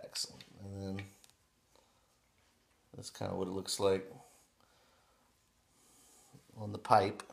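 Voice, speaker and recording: A man in his thirties chatting casually on his living room couch, showing off pipe bowls with excited, rambling talk full of restarts. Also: low voice, slow pace, vocal fry, long pauses. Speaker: pipe hobby vlogger. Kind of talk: casual unboxing vlog.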